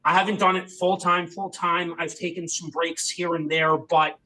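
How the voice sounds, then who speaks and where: A man's voice: a little high, level tone, normal speed, pushed and bright, a little hiss or hum, low-quality recording. A man hosting a podcast, chatting casually and rambling with many "you know" fillers. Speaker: podcast host. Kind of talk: casual interview chat.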